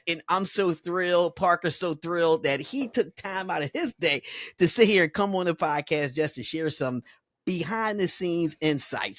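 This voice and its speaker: A man hosting a podcast with a fairly high, lively voice full of hype and repeated words. He stumbles through restarts as he talks. The recording is close and dry, with no room sound. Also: no echo. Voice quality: hype, repetitive, stammering restarts. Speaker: podcast host. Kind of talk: energetic podcast chat.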